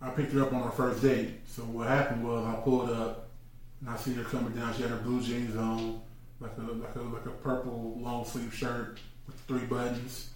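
A man co-hosting a podcast with his wife, joking and telling stories in a relaxed way. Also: medium pitch, slight background noise. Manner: joking, laid-back, drawn-out storytelling. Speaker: podcast co-host. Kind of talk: casual couple's chat. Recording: echoey room, mic at a distance.

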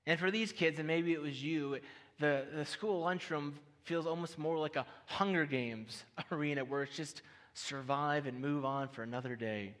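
Storytelling preacher, higher voice, reverberant hall. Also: male voice, moderate pace, a bit bright. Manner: personal storytelling with light humor, addressing the audience.

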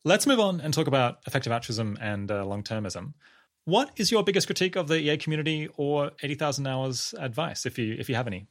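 A man hosting a podcast interview, casual and quick, often affirming with "yeah.". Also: medium pitch, animated. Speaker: podcast host. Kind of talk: conversational interview.

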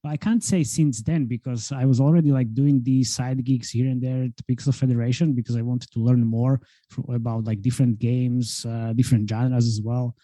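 Mellow relaxed man from Slovakia. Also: mid-range voice, fairly quick, few pauses, dry recording. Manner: relaxed, chatty, laughs often, many fillers. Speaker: guest, marketing consultant. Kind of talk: casual interview talk. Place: home, daughter's room.

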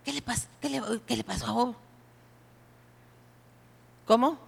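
A woman pastor preaching a sermon, speaking animatedly and directly to the congregation, at times breaking into shouts. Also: fairly high pitch, a little slow, vocal fry, slightly rough. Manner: animated, addresses listeners directly, bursts into shouts.

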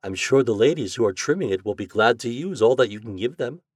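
A man's voice: mid-range voice, expressive, fast talker, slightly rough, no echo, clean studio sound. A man reading a story aloud, voicing a kindly mother with a raised voice. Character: kindly mother, middle-aged woman.

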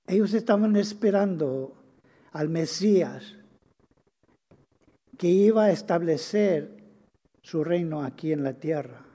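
A man preaching a sermon as pastor, swinging between loud proclaiming and hushed low passages, repeating key phrases and sometimes stumbling over words. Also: expressive, slow pace, long pauses, big-room sound.

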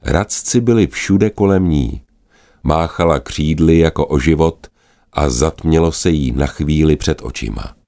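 A man narrating a children's animal story in a gentle, expressive manner. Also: rumbling low.

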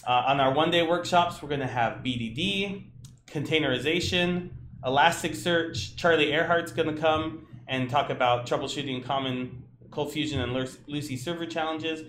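A man's voice: fairly high pitch, normal speed, a bit bright. Man co-hosting a podcast, roomy echo. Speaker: podcast co-host. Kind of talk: casual podcast news chat. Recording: roomy echo, clear background noise.

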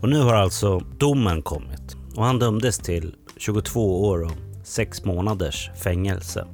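A male podcast host with a fairly low voice narrates and asks questions in a calm, measured way. Faint guitar music plays underneath. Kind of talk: scripted narration and interview questions.

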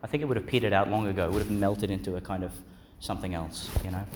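Low-voiced priest over noticeable noise. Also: male voice, fairly even intonation, very fast. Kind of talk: solemn gospel reading and homily.

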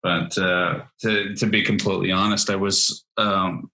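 A man's voice: low-pitched, little pitch movement, a little slow, bright, forceful tone, rough recording. A man in his forties from New Hampshire, a guest telling his story in a casual interview with many fillers and restarts. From New Hampshire, USA. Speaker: guest, Army veteran.

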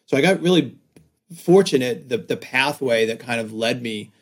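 A middle-aged New York man talks as a guest on a podcast, his pitch sitting in the middle of the range. He tells stories in an animated way, full of fillers and quick restarts. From Staten Island, New York. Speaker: guest, design agency founder. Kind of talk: casual podcast interview.

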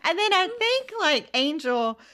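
High, lively woman in excited chat. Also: measured pace. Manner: excitable, laughs often, quotes scenes in voices. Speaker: podcast co-host. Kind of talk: casual chat.

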